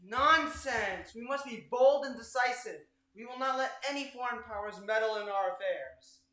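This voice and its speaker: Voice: mid-range voice, moderate pace, pushed and bright, reverberant, lightly acted. An amateur performer playing a stern, commanding early American president who brushes aside every objection in a comedy skit. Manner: decisive, dismissive of objections.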